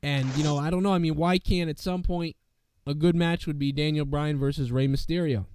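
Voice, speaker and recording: A male wrestling-show host, sick and losing his voice, delivers loose, profane commentary and keeps saying "you know what I mean." His fairly high voice is steady, brisk, darkish, clear and resonant. The sound is dry and close, with no room sound.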